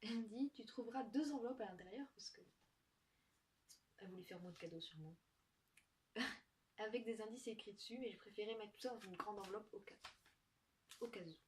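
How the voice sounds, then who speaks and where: A young woman talks casually to her viewers while opening presents. She is soft-spoken and giggles often, musing aloud as she goes. Her voice sits at a middle pitch and sounds a little distant, with faint noise in the background. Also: brisk, pauses often. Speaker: vlogger opening gifts. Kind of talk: casual unboxing chat to camera.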